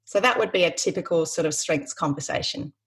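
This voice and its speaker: Husky low-voiced woman coach. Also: expressive, fairly quick, a bit bright. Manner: enthusiastic, smiling, explanatory. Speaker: career and strengths coach. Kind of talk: podcast interview.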